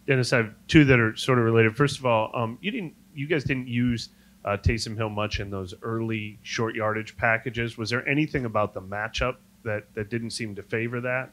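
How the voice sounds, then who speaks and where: A man's voice: medium pitch, fairly even intonation, moderate pace, a bit bright. A man, a reporter, asking the coach questions at a press conference in a plain, slightly hesitant way.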